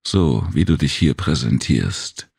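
A man with a very deep voice playing a tired, gruff alien man with big ears in a storybook reading, talking in a weary, curt way. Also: big pitch swings, a little slow, a little mellow, no room sound, clean studio sound, heavily acted.

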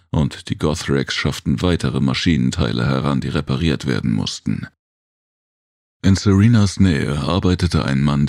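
Very deep gravelly male narrator. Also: darkish tone, no room sound, clean studio sound. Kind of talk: scripted audiobook narration.

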